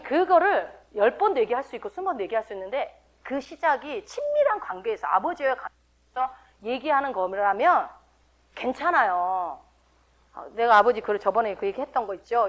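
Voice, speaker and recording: A middle-aged woman pastor giving a sermon in a conversational way, often putting questions to her congregation. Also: on the high side. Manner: conversational preaching with frequent rhetorical questions to the congregation.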